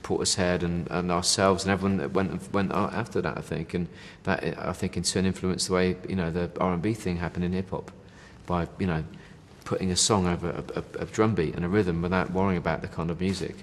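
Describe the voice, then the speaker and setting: There's a long reverb tail and a little hiss or hum around this deep, steady voice, which moves fairly quickly with hardly any pauses. The speaker, an interviewed band member, chats casually and rambles, filling gaps with "you know" and sometimes "mate".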